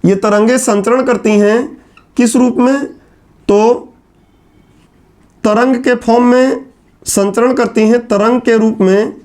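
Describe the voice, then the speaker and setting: A man with a strikingly high-pitched voice teaches a class at the board. He moves step by step, puts questions to the students and answers them himself. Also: steady tone, slow, long pauses, a little mellow. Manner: explains step by step, asks and answers his own questions. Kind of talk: classroom lecture.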